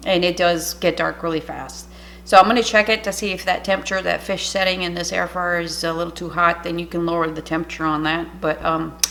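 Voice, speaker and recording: Demonstrating an air fryer in her home kitchen, a cooking YouTuber whose first language is French talks chattily, rambling and cutting herself off. Her pitch is fairly low and her tone sharp, and slight hiss or hum can be heard.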